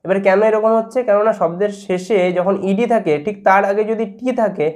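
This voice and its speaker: A man with a Bengali accent and a fairly high voice teaches a video lesson step by step. He spells each word out letter by letter, then poses a question and answers it himself. He is recorded close to the mic. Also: fairly even intonation, brisk, a little mellow. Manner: asks the viewer questions and answers them. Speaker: English teacher.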